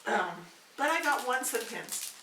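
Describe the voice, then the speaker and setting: A woman's voice: high-pitched, very animated, moderate pace, background noise. A woman in her fifties chatting in a casual home vlog, gushing and playful as she shows off her collectibles. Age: 50s. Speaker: vlog host showing collectibles. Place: home room. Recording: echoey room, mic at a distance.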